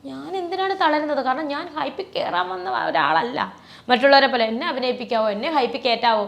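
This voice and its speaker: A woman talking as an interview guest, rambling and restarting, her voice often sinking soft and low with emotion. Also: fast, vocal fry. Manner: rambling, many restarts and fillers. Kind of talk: personal interview talk.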